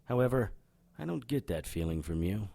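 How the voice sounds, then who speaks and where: With a gravelly, warm, lowish voice that's very animated at a normal pace, a man performs a wry, irreverent occult private eye in noir style. In both the audio drama's dialogue and first-person narration, his mood is cocky and probing.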